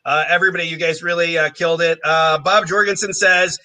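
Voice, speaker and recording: A man hosting a comedy game show over a video call, upbeat and quick to move things along. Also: a little high, flat delivery, bright, forceful tone.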